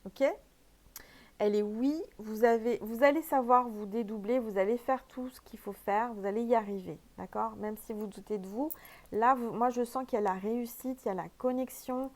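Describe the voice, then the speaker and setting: A woman's voice: fairly high pitch, normal speed, darkish tone. A woman with a French accent doing a casual spiritual oracle card reading, chatty and emphatic, with many fillers.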